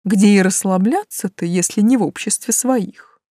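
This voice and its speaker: A woman reading the part of a tall, cheerful young man in an audiobook, eager and loud. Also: high-pitched, normal speed, dry recording, studio quality.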